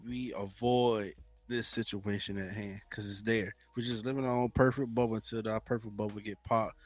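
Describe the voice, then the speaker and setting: A man's voice: fairly low pitch, steady tone, moderate pace, no echo, soft background music. A young man co-hosting a podcast, talking bluntly and with profanity in a laid-back way. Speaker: podcast co-host. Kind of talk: casual podcast chat.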